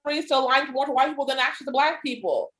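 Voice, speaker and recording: A woman's voice: high-pitched, quick pace, bright, forceful tone, roomy sound, poor audio. A woman in casual podcast chat, speaking candidly with many fillers and acted-out quotes. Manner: candid, filler-heavy, acts out quoted voices. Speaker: podcast co-host.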